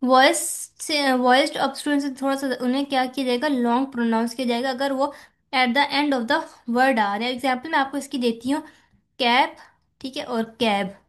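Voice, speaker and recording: A woman's voice: sits high, steady tone, moderate pace. A woman teacher explaining slides in a lecture, dropping English terms into her talk and posing questions that she answers herself. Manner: repeats "theek hai" as a check-in.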